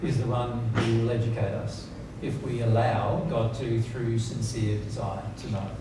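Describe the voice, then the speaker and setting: At normal speed and with a flat delivery, a man with a mid-range voice teaches spiritual principles informally to an audience. He stresses his points, repeats key words, and poses rhetorical questions to check they follow. The seminar room is reverberant and noisy, recorded from a distance.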